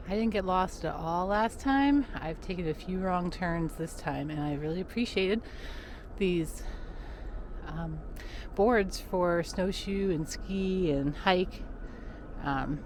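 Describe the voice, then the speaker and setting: A woman chatting casually and musing aloud as she records a running vlog outdoors on park trails. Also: fairly low pitch. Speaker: vlogger and recreational runner. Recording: clear outdoor background noise.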